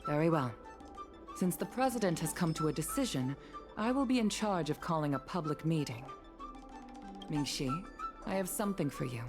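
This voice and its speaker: An actress playing a calm, authoritative woman commission official who speaks diplomatically. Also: sits low, normal speed, long pauses. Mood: composed. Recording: game audio over loud music.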